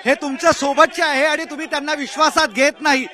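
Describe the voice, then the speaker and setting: A man with a Marathi accent moderating a live street debate as a news anchor, prodding speakers with quick questions. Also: extremely high pitch, steady tone, sharp tone.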